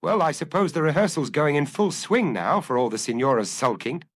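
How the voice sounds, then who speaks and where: A man's voice: fairly high pitch, lively intonation, a little fast, pitched above the performer's own voice. A man doing a mild, shrewd priest detective. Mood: reflective. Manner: reflective, quiet, polite.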